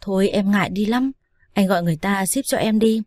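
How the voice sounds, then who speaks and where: A woman's voice: medium pitch, brisk, a little mellow, dry recording, studio quality, close to an everyday voice. A woman voicing a quarrelsome older mother-in-law who scolds and whines. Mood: wheedling. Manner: scolding, whining.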